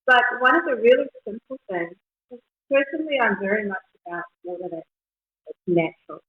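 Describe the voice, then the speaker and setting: A woman's voice: mid-range voice, lively intonation, fairly quick. A woman from New Zealand, a guest on a radio show who speaks over a video call. Her voice is chopped up by the call's noise reduction and sounds muffled, as if underwater. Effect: video-call noise reduction cutting out her voice, muffled as if underwater. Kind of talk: casual radio chat. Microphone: laptop on a video call. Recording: dull lo-fi call audio.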